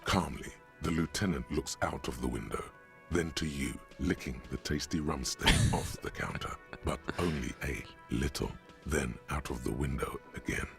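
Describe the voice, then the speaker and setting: A male voice actor narrating a video game with a measured, deadpan, dryly wry delivery. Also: extremely low pitch, creaky, soft background music, full character voice.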